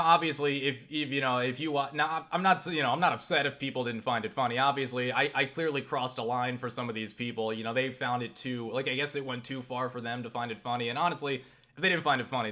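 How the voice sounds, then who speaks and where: In his off-the-cuff YouTube vlog, a man keeps stopping mid-thought and circling back, leaning on repeated "you know." His average-pitched voice is bright and forceful, and the halting talk is casually profane.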